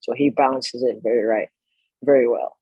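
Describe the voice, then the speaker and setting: French-born male athlete, thirties, husky, easygoing interview guest. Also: medium pitch, normal speed, no room sound, dull audio. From France. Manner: relaxed, chatty, laughs easily. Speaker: professional soccer player, guest. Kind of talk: casual podcast interview.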